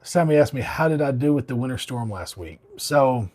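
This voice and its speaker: Guy with a husky voice, rambling easy livestream chat, a bit under the weather. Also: mid-range voice, animated, moderate pace, a little mellow. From Alabama. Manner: rambling, laid-back, many fillers and restarts. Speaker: barber hosting a livestream. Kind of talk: casual livestream chat reading comments.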